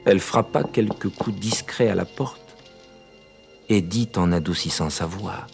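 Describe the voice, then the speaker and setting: A man narrating a fairy tale in a measured, expressive storytelling manner, with soft music behind. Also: low voice, creaky.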